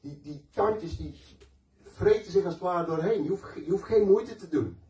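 A man's voice: high-pitched, moderate pace, dark tone. Man preaching in an echoey room. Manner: storytelling, conversational and emphatic. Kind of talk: sermon with personal testimony. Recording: echoey room, mic at a distance.

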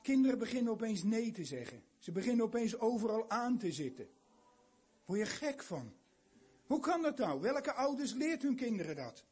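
Older man preaching, high and husky. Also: sing-song, normal speed, darkish tone. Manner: earnest, asks many questions. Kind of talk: sermon.

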